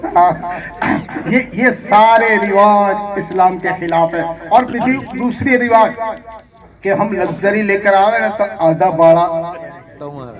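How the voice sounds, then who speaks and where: A man's voice: sits high, a little slow, low-quality recording. A man preaching a sermon with a Gujarati accent, impassioned, repeating his phrases and putting questions to his listeners. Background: crowd.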